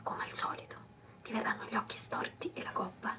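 Actress playing a pleading young photographer. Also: female voice, brisk, pushed and bright, natural voice. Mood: whispered. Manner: whispers on the phone. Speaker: film character Alice, a photographer. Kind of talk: film dialogue. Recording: film soundtrack with faint background noise.

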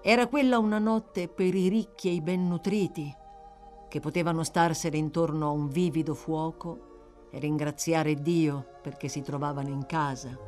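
A woman's voice: deep voice, steady tone, normal speed, a little mellow, faint music behind. A woman narrating a classic novel aloud as an audiobook reader, with dramatic phrasing that lingers on words.

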